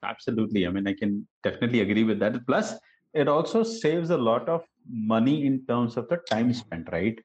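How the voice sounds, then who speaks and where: A man's voice: medium pitch, animated, a little fast, a little mellow. A man with an Indian accent hosting a casual conversational interview, asking questions and commenting. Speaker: interviewer, host.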